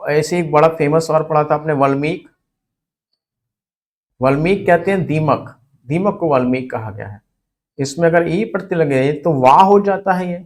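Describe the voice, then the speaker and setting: A man teaches a spelling lesson to exam students. His voice sits a little high, and he takes his time, saying each word twice so it sticks. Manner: slow, repeats each word for drilling. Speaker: Hindi grammar teacher.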